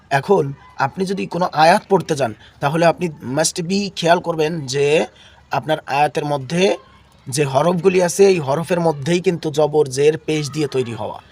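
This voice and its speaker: A high-pitched man teaches a Quran reading class while feeling unwell, with a cough in his voice. He drills his listeners in call and response, repeating each key term until they echo it back. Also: slightly rough.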